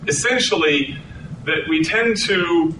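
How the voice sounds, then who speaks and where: Speaking slowly with lively intonation, a middle-aged man, a researcher, delivers a conversational talk to an audience in a hall and frequently restarts. The sound is echoey, picked up from a distant mic with rumbling noise.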